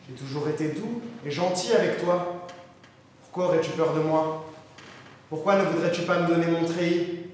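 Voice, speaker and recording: A man acting a volatile young escaped killer on stage, shouting threats, then coaxing softly. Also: on the high side, normal speed, long pauses, a little hiss or hum, close to an everyday voice. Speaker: stage actor. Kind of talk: live school stage play. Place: school theatre stage. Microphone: distant room mic. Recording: echoey hall recorded from far off.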